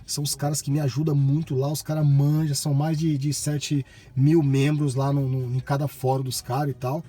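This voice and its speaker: High, husky Brazilian man explaining casually. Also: little pitch movement, normal speed, dark tone. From Bahia, Brazil. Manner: colloquial, repeats himself, addresses viewers with check-in tags. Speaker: tutorial presenter. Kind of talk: casual tutorial chat.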